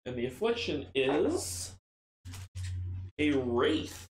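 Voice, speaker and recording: A man's voice: fairly high pitch, wildly swooping pitch, drawn-out words. A middle-aged man giving casual board game playthrough commentary, thinking aloud and reading rules at home. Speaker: solo board game player and host. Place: small indoor home game room. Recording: roomy, faint background noise.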